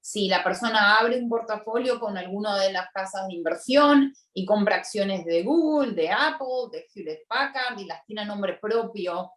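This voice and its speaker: A woman's voice: medium pitch, a bit bright. A woman tax lawyer, explaining points emphatically and repeating key warnings on a video call webinar. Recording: echoey room, distant from mic.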